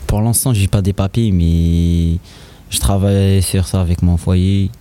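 A man's voice: low-pitched, fairly even intonation, unhurried, mellow. A young man of seventeen with a Moroccan accent, a native Arabic speaker, giving testimony in broken French. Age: 17, teenager. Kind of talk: personal testimony in interview. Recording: clear background ambient noise.

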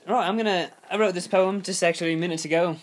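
A man's voice: sits high, steady tone, fast, close to an everyday voice. A man putting on a British accent to play a guest poet on a casual podcast, speaking in an overly polite, mock-formal way. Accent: put-on British. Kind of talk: podcast guest reciting a poem.

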